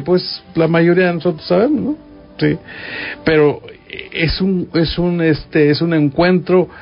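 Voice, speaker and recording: A man's voice: fairly high pitch, dull audio. Conversational Mexican radio preacher, man. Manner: conversational, asks the listener questions. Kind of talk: radio Bible teaching.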